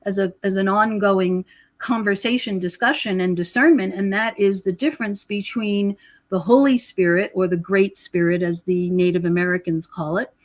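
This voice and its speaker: An author who researches prophecy talks about her beliefs as a guest on a podcast, the exchange a conversational interview with spiritual explanation. She preaches emphatically, repeats words, and keeps checking in with the listener, using a mid-range voice at a moderate pace with fairly even intonation.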